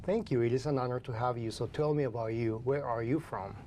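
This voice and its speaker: Mellow-voiced male TV host. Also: mid-range voice, a little fast, slight background noise. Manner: asks short, direct questions. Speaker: TV show host. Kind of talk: TV interview.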